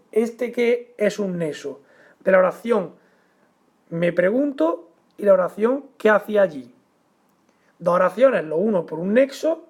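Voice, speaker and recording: Guy teaching a grammar lesson, measured, leans on the example words. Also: high voice, darkish tone, breathy edge.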